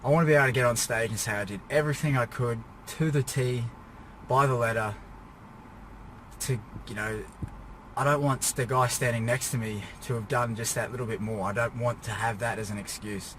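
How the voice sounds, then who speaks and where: A man's voice: mid-range voice, fairly even intonation, fairly quick, fairly bright tone. An exhausted, drained man giving a casual, rambling personal rant as a fitness vlogger sitting in his car, weary but pushing himself on. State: exhausted, drained after a workout. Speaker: fitness vlogger preparing for a bodybuilding show. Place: inside a car. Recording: noisy car interior, vehicle ambience.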